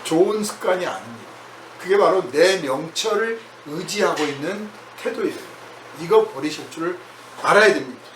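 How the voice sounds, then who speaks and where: A man's voice: a little high, expressive, normal speed, a bit bright. A male pastor preaching in a conversational way, acting out prayers in quoted voices. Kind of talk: sermon. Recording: echoey hall from far off, faint noise.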